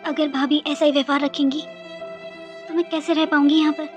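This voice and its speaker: A woman's voice: sits high, level tone, a little fast, music in the background, lightly acted. Woman voicing a subdued, hurt young mother. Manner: soft, subdued, resigned. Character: weary, hurt young mother staying at her parents' home.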